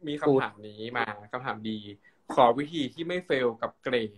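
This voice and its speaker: A man's voice: mid-range voice, expressive, normal speed. A man from northern Thailand hosting a live stream, campy and teasing as he asks playful questions. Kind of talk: casual live-stream chat.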